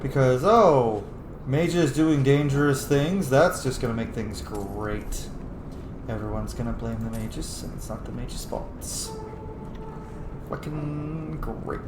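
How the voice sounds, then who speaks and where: A man reacts aloud while playing a video game, giving casual let's-play commentary full of swearing. His medium-pitched voice moves slowly over a noisy background, with roomy echo and game music underneath.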